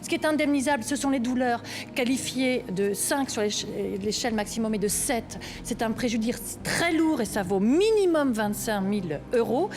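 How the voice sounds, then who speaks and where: A woman with a high voice speaks as a panel lawyer. She explains formally and with emphasis. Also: expressive, moderate pace, background noise.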